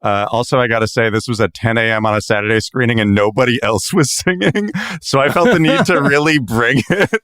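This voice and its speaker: A man's voice: mid-range voice, a little fast, few pauses, fairly bright tone, smooth, dry recording, clean studio sound. A man guesting on a comedic podcast, enthusiastic and giggly as he tells stories. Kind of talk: casual comedic chat.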